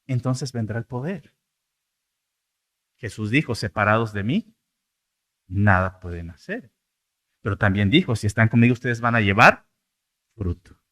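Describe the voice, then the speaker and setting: A man with a Mexican Spanish accent delivers a sermon as a pastor, his voice swinging between loud, climbing outbursts and soft, low endings.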